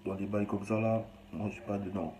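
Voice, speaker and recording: A man's voice: fairly low pitch, little pitch movement, fairly quick, a little mellow, roomy sound. Blunt, rambling Cameroonian man, noisy recording. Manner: rambling, blunt, slangy, trails off. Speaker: vlogger. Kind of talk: casual monologue to camera.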